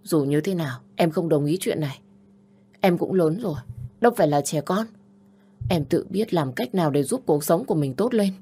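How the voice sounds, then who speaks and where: A woman's voice: deep voice, expressive, moderate pace, mellow, breathy edge. A woman voicing a curt, defiant young woman. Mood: cold. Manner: curt, guarded.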